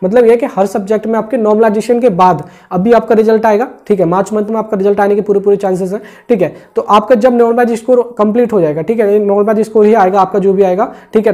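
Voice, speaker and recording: This exam-update YouTube host has a high, soft, mellow voice and talks quickly. His briefing is informal and explanatory, like an online coaching session, and he keeps going back over each point and checking that viewers are following.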